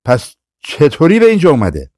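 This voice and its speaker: A man's voice: mid-range voice, animated, no room sound, clean studio sound, natural voice. A man reading an audiobook voices an angry, bullying older brother who barks at people in a raised voice. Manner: loud, raised, barking.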